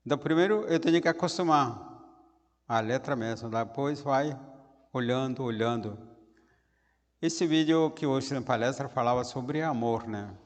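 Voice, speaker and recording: A priest giving a daily homily in simple, halting phrases, often tagging lines with a questioning "né?"; Portuguese is not his first language. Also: medium pitch, long reverb tail. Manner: halting, frequent "né?" tags, simple broken phrasing.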